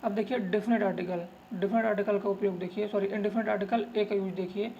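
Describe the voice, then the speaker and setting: A man's voice: high-pitched, fairly even intonation, quick pace, creaky, highs cut off, a little hiss or hum. A man teaching an English grammar lesson, repeating his points and coaxing his students along with fond asides. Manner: repetitive, coaxing, keeps saying "look" and "okay"; calls students "babu" affectionately. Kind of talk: tutorial lesson.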